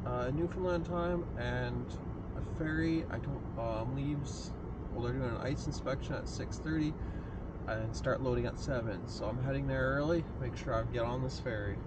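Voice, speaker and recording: A man in his thirties filming a casual road-trip vlog with an action camera, outdoors and inside his car, talking plainly and thinking out loud. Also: mid-range voice, moderate pace, very noisy. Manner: relaxed, plain, thinks aloud with ums.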